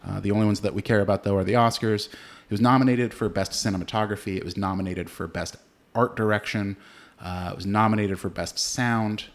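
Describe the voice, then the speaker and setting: A man co-hosting a podcast, chatting casually about a movie, relaxed and swearing now and then, with plenty of filler words. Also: fairly low pitch, brisk. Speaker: podcast co-host. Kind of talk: casual movie review chat.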